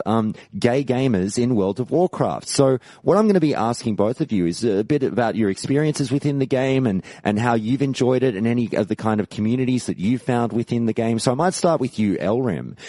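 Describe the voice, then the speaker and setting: A man's voice: fairly low pitch, no echo, studio quality. A man hosting a podcast, introducing callers in an upbeat presenter manner. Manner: lively, upbeat presenter delivery. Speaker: podcast host.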